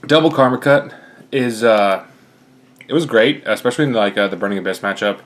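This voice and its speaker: A man's voice: mid-range voice, a little fast. A young man, slightly out of breath, casually talking through his card deck with lots of fillers. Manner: rambling, many fillers. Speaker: card game player.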